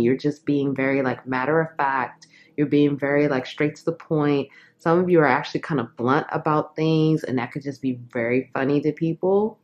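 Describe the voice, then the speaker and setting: Low-voiced chatty tarot reader woman. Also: darkish tone, muffled recording. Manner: chatty, laughs often, frank, filler-heavy. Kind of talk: casual tarot reading to camera.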